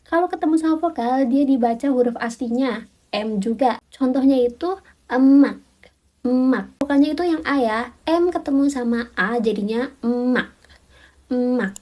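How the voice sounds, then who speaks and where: Woman, high voice, mellow tone, casual video lesson, chatty teacher, repeats example words slowly. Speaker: Korean language teacher.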